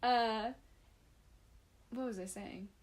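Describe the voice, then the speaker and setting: A young woman in her twenties co-hosts a loose, casual podcast, her slightly high voice sounding worn and fatigued. She rambles, laughs at herself often and pokes fun at her own sluggishness. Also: fairly even intonation, very slow. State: fatigued voice after jaw surgery. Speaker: podcast co-host. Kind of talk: casual chat.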